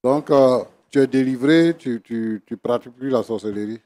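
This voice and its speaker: A man's voice: mid-range voice, moderate pace, mellow. A man, a pastor on a TV panel asking hesitant, probing questions.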